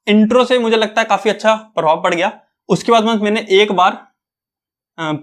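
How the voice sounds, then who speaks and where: Young male guide, fairly high voice, relaxed conversational coaching tone. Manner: conversational, often checks in with "okay". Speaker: exam preparation guide. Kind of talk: casual advice talk.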